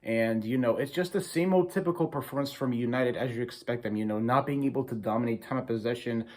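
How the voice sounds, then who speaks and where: A man's voice: medium pitch, fast talker, darkish tone. A man hosting a casual football recap video, complaining emphatically and informally as he repeats his points. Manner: informal, repetitive, emphatic complaining with mild swearing. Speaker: football fan video host. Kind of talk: casual opinionated match recap.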